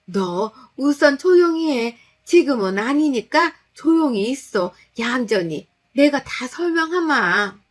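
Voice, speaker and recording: A stern older mother-in-law who hides a secret, put on by a woman narrator, giving slow, heavy commands. Her voice is pitched up and loud. Each word comes out deliberate and firm. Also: animated, full character voice. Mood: commanding.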